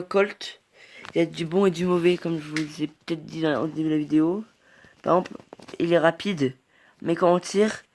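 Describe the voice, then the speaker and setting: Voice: medium pitch, a little mellow. A mobile game player giving casual gameplay commentary, rambling and hesitant, reacting aloud as the game goes on.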